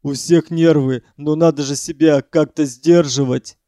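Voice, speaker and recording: A male narrator voicing a fussy, anxious older scholar who pleads loudly and reproachfully for calm. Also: a little high, a little slow, no echo, clean studio sound, lightly acted. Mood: pleading.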